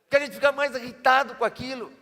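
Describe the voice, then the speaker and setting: Preaching quickly in a very high-pitched, sharp voice with a steady tone, a pastor speaks emphatically and casually to his congregation, sprinkling in slang. The church hall adds a long reverb.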